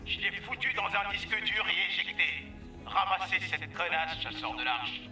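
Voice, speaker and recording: Sweary space crew character in a game, high voice, echoey, music going behind. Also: male voice, animated, normal speed, bright, forceful tone, exaggerated voice. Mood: scornful triumph. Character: foul-mouthed, gruffly urgent male spaceship ally in a game. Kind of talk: video game voice acting.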